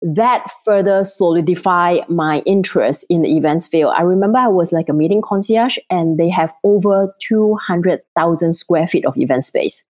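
A woman's voice: on the low side, moderate pace, few pauses, darkish tone. A woman from Singapore, chatting as an interview guest while she has a cold, often laughing. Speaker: guest, event planner. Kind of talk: casual interview chat.

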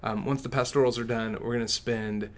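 A man with a West Texas accent and twang, chatting casually as a pastor and co-host in a halting way that repeats words. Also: mid-range voice, steady tone. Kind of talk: casual conversation.

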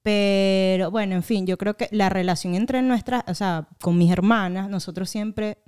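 Venezuelan girl telling stories on a podcast, smooth clear voice, mellow, does all the family voices. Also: medium pitch, unhurried. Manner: animated storytelling, acting out family quotes. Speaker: podcast co-host. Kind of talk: casual chat.

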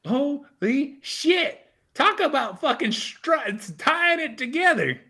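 A man's voice: very high voice, sing-song, slow, creaky, bright, forceful tone. A man in his thirties co-hosting a podcast, chatting casually with blunt, swearing reactions. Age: 30s. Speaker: podcast co-host. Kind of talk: casual chat.

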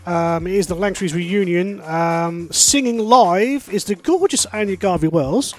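A man's voice: high voice, measured pace. A man co-hosting an online soul radio show, chatting loosely and half-singing his gig announcements. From United Kingdom. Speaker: radio DJ and co-host. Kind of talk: casual radio chat and announcements.

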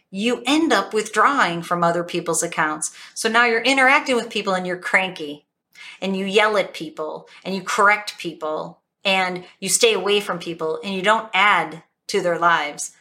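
A woman coach giving an energetic, emphatic motivational talk, telling stories with animated emphasis. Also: mid-range voice.

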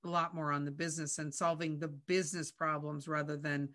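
A woman co-hosting a business chat show in a lower register, with a crisp, bright edge to her voice. She talks casually and warmly agrees along, keeping the conversation moving. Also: flat delivery, a little fast. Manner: upbeat, affirming. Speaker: podcast co-host.

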